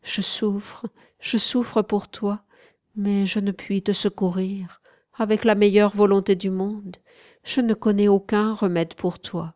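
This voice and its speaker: A woman reading an audiobook, voicing a tender noblewoman who speaks softly and with measured compassion. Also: medium pitch, flat delivery, dry recording, clean studio sound, natural voice. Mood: compassionate.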